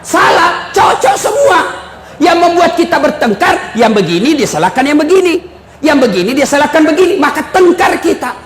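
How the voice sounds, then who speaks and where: A male preacher giving a joking live sermon, shouting to stress his points. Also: extremely high pitch, lively intonation, a little fast, background noise. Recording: echoey hall with faint audience ambience.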